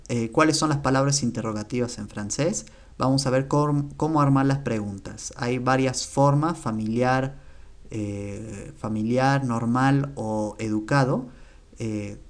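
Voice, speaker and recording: A man with a mid-range voice gives an online language lesson. He explains things patiently and slows right down to repeat each example word with care, lifting his voice on the words he wants remembered. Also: medium pitch. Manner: slow, careful repetition of example words. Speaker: language teacher.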